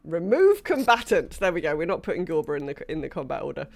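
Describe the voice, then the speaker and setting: A woman's voice: sits low, big pitch swings, quick pace, creaky, darkish tone. A woman game master casually narrating a tabletop game, thinking aloud in a hesitant manner.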